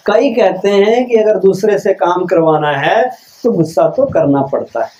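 Slow, high-voiced man giving a spiritual lecture. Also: lively intonation, dark tone. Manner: asks the audience rhetorical questions; deliberate, repeats key lines for emphasis. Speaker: keynote speaker at a spiritual camp. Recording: dull lo-fi recording.

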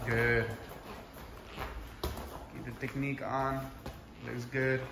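In an indoor kickboxing gym with mats and mirrors, a male coach leads a heavy bag class with short, commanding, encouraging cues and countdowns. His medium-pitched voice is flat and slow. The recording is echoey, with clear background noise and clicks.

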